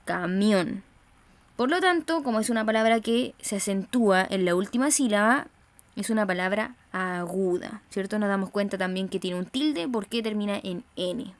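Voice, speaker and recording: A woman teacher with a Chilean accent giving a recorded grammar lesson, slowly stressing syllables and often checking in with her students. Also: mid-range voice, animated. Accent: Chilean Spanish. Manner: slow, emphatic stressing of syllables, frequent "¿cierto?" checks.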